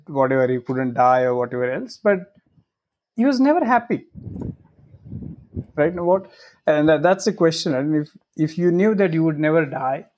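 A middle-aged man from Maharashtra, a native Marathi speaker with a Marathi Indian accent, chatting casually in a halting way and often checking in with "right?". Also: on the high side, a little mellow. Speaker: podcast participant. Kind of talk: casual chat.

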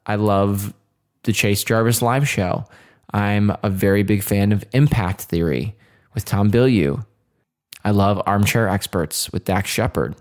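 A man's voice: on the low side, a little mellow. A man hosting his own podcast, talking to listeners in a casual, earnest, rambling way with plenty of fillers and restarts. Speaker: podcast host. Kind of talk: casual solo podcast monologue.

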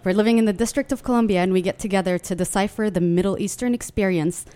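A young woman from Yemen co-hosting a live radio talk show in a hotel studio, chatting candidly and telling animated stories. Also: mid-range voice, quick pace. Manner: candid, animated storytelling with quoted voices. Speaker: podcast co-host. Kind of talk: casual radio chat.

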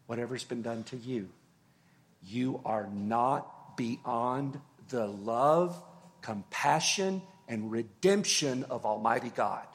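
Slow, earnest preaching man. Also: medium pitch. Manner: slow, earnest preaching with long pauses and soft drops in volume. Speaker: pastor. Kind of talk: sermon.

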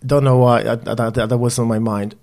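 Gravelly man, thoughtful. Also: mid-range voice, steady tone, brisk, darkish tone. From Poland. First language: Polish. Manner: thoughtful, wry, self-deprecating. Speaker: photographer guest. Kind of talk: reflective interview answers.

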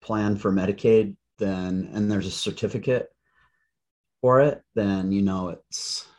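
Low-voiced man cracking wry jokes. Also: fairly even intonation, unhurried, darkish tone. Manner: joking, wry asides. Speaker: podcast co-host, attorney. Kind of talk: casual chat.

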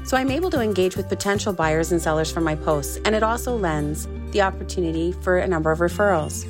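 A woman giving a first-person voice-over interpretation of a signer's words, in a calm, measured delivery. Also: fairly low pitch, music in the background. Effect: interpreter's voice-over translating sign language. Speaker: sign language interpreter.

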